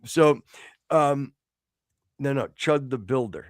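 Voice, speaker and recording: A man from the United States co-hosting a casual podcast, rambling with many restarts and sudden excited outbursts. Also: mid-range voice, slow, no room sound, studio quality. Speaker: podcast co-host.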